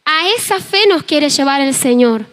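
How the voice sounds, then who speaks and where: A young Argentine woman preaching from the pulpit, her voice sitting high and bright in pitch. She tells her testimony with lively storytelling, acting out the conversations as she goes. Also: normal speed. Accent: Argentine Spanish. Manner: animated storytelling, acting out dialogue. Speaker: preacher and worship team member. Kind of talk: sermon with personal testimony.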